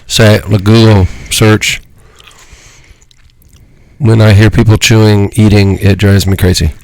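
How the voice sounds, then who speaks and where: A man with a fairly low voice chats on a casual podcast, playful and teasing. He keeps chewing gum right into the microphone as he talks. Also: little pitch movement, measured pace, no echo, rough recording. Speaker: podcast co-host. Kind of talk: casual chat.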